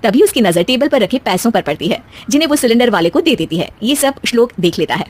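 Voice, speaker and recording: A woman narrating a scripted cartoon story in a steady, lively storytelling manner. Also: a little high, quick pace.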